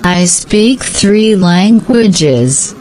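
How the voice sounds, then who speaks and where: A woman giving slow, scripted answers in a repeated language-practice dialogue. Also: mid-range voice, lively intonation, dark tone, faint music behind, rough recording.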